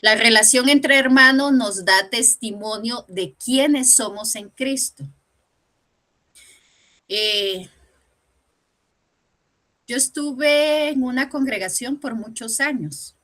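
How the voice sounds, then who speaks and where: Bright-voiced woman sharing a church testimony. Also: mid-range voice. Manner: animated storytelling with acted dialogue. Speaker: church teacher giving a testimony. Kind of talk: personal testimony in a Bible lesson.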